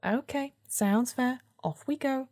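A woman's voice: sits high, takes it slowly, darkish tone, no echo, studio quality, voice pushed up. A woman voicing a sarcastic, endlessly grumbling weasel in a storybook adventure, ranting in weaselly mock politeness. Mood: sardonic grumbling. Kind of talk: storytelling character voice.

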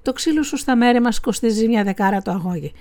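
A silver-tongued male swindler from a storybook, feigning pity in a soft, honeyed manner. A woman narrates him, sliding into his smooth false kindness. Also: fairly high pitch, natural voice.

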